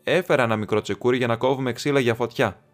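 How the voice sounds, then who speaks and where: A man's voice: medium pitch, close to an everyday voice. A frightened young male hobbit in a desperate fix, as a man reading aloud voices him. His speech comes out agitated and urgent, at times breaking into cries. Faint music sits behind the reading. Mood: doubtful. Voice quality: agitated, crying out. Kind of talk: audiobook reading.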